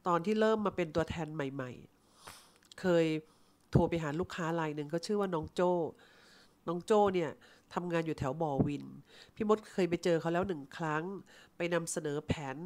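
A woman's voice: on the low side, normal speed. Give me a woman team leader telling a story from her work and acting out every conversation in it. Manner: animated, acts out both sides of conversations. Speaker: insurance agent team leader. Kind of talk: storytelling talk.

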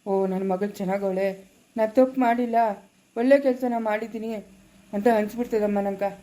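A woman's voice: mid-range voice, fairly even intonation, brisk, natural voice. Woman playing a tender worried old father. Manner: gentle, soothing, repetitive pleading. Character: loving, worried elderly father. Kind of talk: family skit acting.

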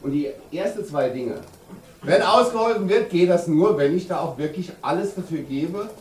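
A man's voice: a little high, lively intonation, moderate pace. Guy in his 50s coaching, emphatic team talk in a roomy locker room, mic far off, bit of noise. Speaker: handball coach. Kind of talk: pre-game team talk. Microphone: camera a few metres away. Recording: roomy, distant camera mic, background noise.

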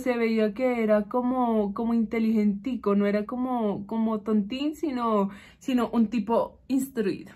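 A woman chatting casually and gossipily as she recaps a TV show while doing her makeup. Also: fairly high pitch. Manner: chatty, gossipy, keeps saying "mi amor". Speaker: vlogger.

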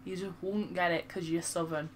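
A woman's voice: lowish voice, steady tone, moderate pace, slight background noise. A woman with a Lancashire accent chatting casually on a game stream, self-mocking and reading viewers' comments aloud. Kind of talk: casual live-stream chat.

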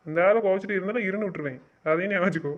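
A man's voice: high-pitched, very fast. A man in a romantic audio drama, scolding and teasing his partner in a bossy way. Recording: dull lo-fi recording.

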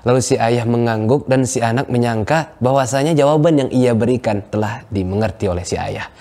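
A young man from Riau, Indonesia, telling a religious moral story in an earnest, measured way. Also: mid-range voice, a little mellow. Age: young adult. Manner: earnest, measured, chants scripture verses. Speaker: student storyteller.

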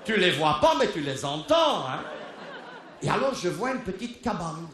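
A man telling a comic story as a monologue, laughing as he goes and shouting out the lines of people in his tale. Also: high-pitched, big pitch swings, normal speed, echoey room, a little hiss or hum. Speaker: comedian.

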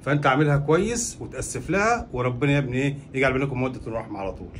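A man's voice: medium pitch, animated, rapid-fire, slight background noise, close to an everyday voice. A man playing a pious, fatherly neighbor with an Egyptian accent who lectures and admonishes. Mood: admonishing. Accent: Egyptian Arabic. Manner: admonishing, preachy. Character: pious, fatherly middle-aged male neighbor. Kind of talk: short web drama acting.

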